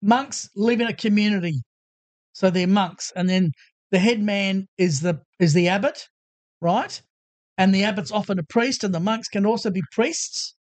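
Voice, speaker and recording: A man's voice: high voice, normal speed. A man in his late sixties with a broad Australian accent, chatting casually and telling anecdotes in a blokey, joking, slangy way. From Australia, Adelaide. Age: late 60s. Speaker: featured guest on a talk show.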